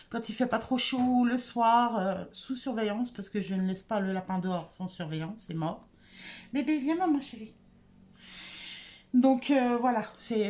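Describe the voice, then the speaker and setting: A woman's voice: a little high, darkish tone. A woman chatting casually at home through a shopping haul, with lots of hesitations. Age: adult. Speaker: haul vlogger. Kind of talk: casual product haul chat.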